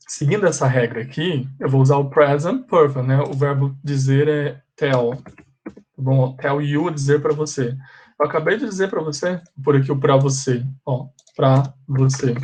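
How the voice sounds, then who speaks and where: A man with a Brazilian accent, teaching a live class as an English teacher. He repeats examples slowly and puts questions to his students. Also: a little high, a little mellow. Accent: Brazilian Portuguese.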